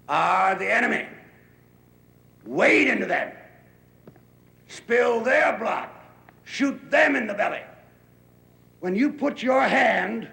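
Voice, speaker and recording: A man voicing a gruff, bombastic army general as a sock puppet, delivering a theatrical comic monologue in a declamatory, deliberate way. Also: high voice, fairly bright tone, exaggerated voice. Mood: bloodthirsty, fierce. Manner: declamatory, deliberate, with long pauses. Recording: roomy echo.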